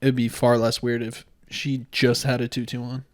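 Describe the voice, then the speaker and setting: A man's voice: mid-range voice, flat delivery, moderate pace, no room sound, clean studio sound. A man co-hosting a comedy podcast, bantering casually with wry, teasing remarks. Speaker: podcast co-host.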